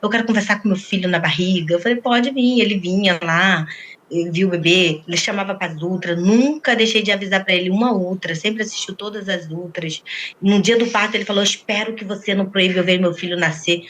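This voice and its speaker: A woman's voice: mid-range voice, fairly bright tone, slight background noise. A woman giving an interview, recounting a painful personal story and acting out the quoted dialogue. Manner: rapid, acts out quoted dialogue. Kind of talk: emotional personal account.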